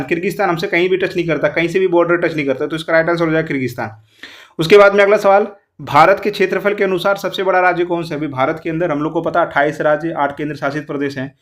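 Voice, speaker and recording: A man's voice: on the high side, a bit bright. A man teaching an exam-prep lesson, walking through quiz answers and repeatedly putting questions to his students. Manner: fast, repetitive, keeps asking the class questions.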